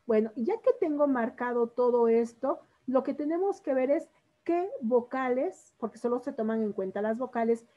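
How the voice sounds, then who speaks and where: A woman's voice: a little high, expressive, normal speed. Patient woman teacher quizzing a class. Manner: patient, quizzing students and drawing out syllables. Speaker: literature teacher. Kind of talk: classroom lesson on poetry. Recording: dull lo-fi classroom recording.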